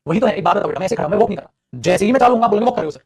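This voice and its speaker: A man teaching English grammar in a lively classroom manner, calling students "beta" and answering his own questions. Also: racing, vocal fry, a crowd in the background. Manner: acts out students' replies in a lower voice.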